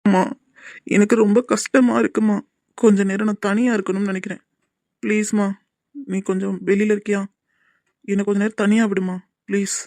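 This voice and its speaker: A woman's voice: medium pitch, flat delivery, a little fast, pauses often, dark tone, no room sound, lightly acted. A woman voicing a lovesick, gloomy young man in a cartoon, subdued and wistful. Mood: heartsick. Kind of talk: cartoon voice acting.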